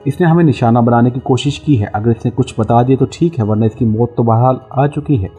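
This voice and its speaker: Male narrator as a hard, menacing male agent in a spy audiobook, dark and husky voice. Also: mid-range voice, fairly quick, soft background music, close to an everyday voice. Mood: grim. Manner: menacing, blunt. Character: grim, ruthless male secret agent.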